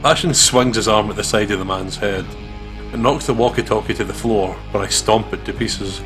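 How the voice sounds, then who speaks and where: Narrating a visual novel for a let's play, a man reads dramatically at a moderate pace in a slightly low voice. Music is clearly audible behind him.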